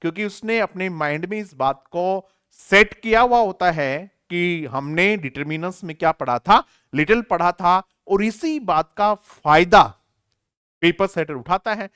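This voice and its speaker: Male exam-prep grammar teacher, slow and lively, keeps checking that students follow. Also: high voice, clean tone, no room sound, clean studio sound. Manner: slow, drawn-out dictation of example sentences, frequent rhetorical checks. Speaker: English teacher.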